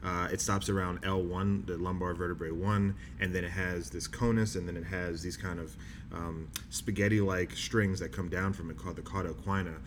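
Young man, very low voice, calm explainer, noisy recording, guest interviewee. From New Jersey, with Bahamian family. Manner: measured and explanatory, with filler words. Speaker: guest, doctor in training. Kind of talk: casual interview answers.

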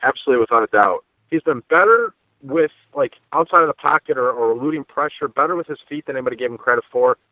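An opinionated guest on a sports podcast delivers emphatic, conversational analysis in a fast, lively, medium-pitched male voice. The sound is dry with no echo and has a narrow, phone-like band.

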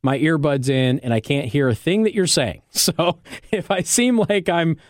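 Recorded with no echo in a radio studio at studio quality, an American male host with a slightly high voice talks at a moderate pace. His commentary is opinionated, emphatic and argumentative yet conversational, often checking in with the listener with a rhetorical "okay?".

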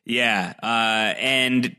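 A man co-hosting a casual TV recap chat, animated and fond of breaking into impressions. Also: very slow, clean tone. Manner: animated, jumps into high-pitched impressions. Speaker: podcast co-host recapping a TV episode.

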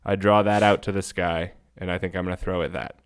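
He co-hosts a podcast, speaking briskly in a low, clean voice with little pitch movement. The talk is casual chat and informal explanation, with him thinking aloud as he goes.

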